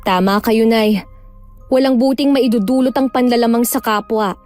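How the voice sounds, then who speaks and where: An actress playing a calm grown daughter who speaks gently and reassuringly to her mother. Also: a little high, normal speed, faint music behind, lightly acted.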